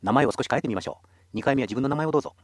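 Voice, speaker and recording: A man's voice: mid-range voice, racing, dry recording, studio quality. A man teaching a radio language lesson, explaining patiently and encouraging listeners.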